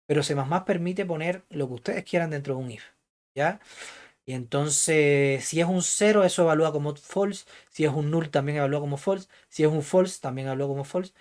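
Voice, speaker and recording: A man's voice: fairly high pitch, brisk, a little mellow. A man lecturing a programming class. He moves through the material step by step, checking again and again that the students follow. He hedges when unsure and tosses questions back to the room. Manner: keeps checking understanding with "¿ya?" and "¿entiendes?"; thinks aloud, hedging what he recalls.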